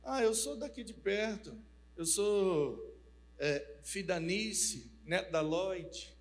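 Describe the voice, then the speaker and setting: Brief: man playing a shy young pastor, earnest and meek, high voice, echoing hall. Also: animated, takes it slowly. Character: young timid male pastor, newly sent. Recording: reverberant church hall.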